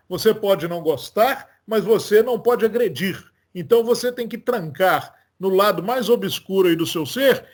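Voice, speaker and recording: A man with a Brazilian Portuguese accent hosts a political commentary show, earnest and argumentative as he builds his points. His voice is very high-pitched with a fairly bright tone.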